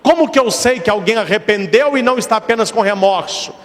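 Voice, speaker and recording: A man's voice: high-pitched, brisk, in a large hall. A man, a priest giving a sermon with rhetorical questions and emphatic repetition.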